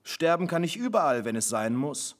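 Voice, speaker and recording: A man's voice: fairly high pitch, sing-song, moderate pace. Man reading as a jaunty defiant father. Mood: amused. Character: cheerful defiant father, middle-aged man.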